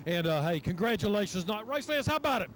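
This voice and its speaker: A man's voice: high-pitched, sing-song, fast talker, a bit bright, slight background noise. A man interviewing a race winner at the track, folksy and hearty. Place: outdoor racetrack.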